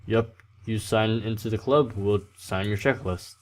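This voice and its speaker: An eager teenage club leader, smug and welcoming, voiced by a man in his own low-ish voice while reading a game aloud. The delivery stays close to plain speech with slight lilts. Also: measured pace, close to an everyday voice.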